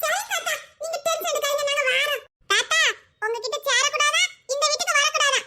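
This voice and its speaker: Squeaky giggling little kids, voiced by a woman. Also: fairly quick, background noise. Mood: cheeky. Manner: squeaky, giggling childlike chatter. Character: cheeky little children, tattling and giggly. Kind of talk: comic family skit.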